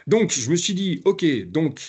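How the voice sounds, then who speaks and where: A man giving a conversational conference lecture as a professor, halting often and restarting his sentences. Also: high-pitched, animated, a little mellow, breathy edge. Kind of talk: live lecture.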